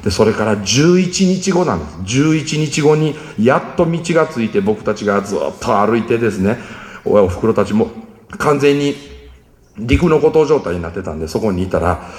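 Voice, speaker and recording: Middle-aged man, Kansai accent, emotional storytelling, animated pitch, roomy hall echo. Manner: emotional, acts out the voices in quotes. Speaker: speaker. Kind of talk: storytelling talk. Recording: echoey hall.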